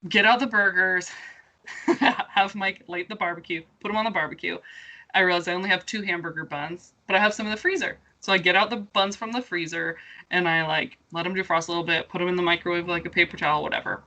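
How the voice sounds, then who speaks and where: Bright, chatty woman podcast co-host. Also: lowish voice, quick pace. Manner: animated storytelling with frequent fillers and laughter. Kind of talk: casual chat.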